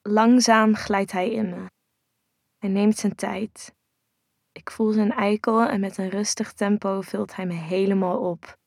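A woman tells a first-person erotic audio story in a soft, hushed, intimate voice. She has a gravelly edge and keeps a narrow, even pitch. The recording is close and dry. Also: unhurried, no echo.

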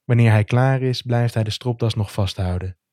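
A man narrating a romantic first-person story in a soft, intimate, measured way. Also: medium pitch, no room sound, studio quality.

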